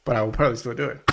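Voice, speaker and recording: A man's voice: mid-range voice, a bit bright, a little hiss or hum. A man co-hosting a casual true-crime podcast, easygoing, telling the case plainly. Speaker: podcast co-host.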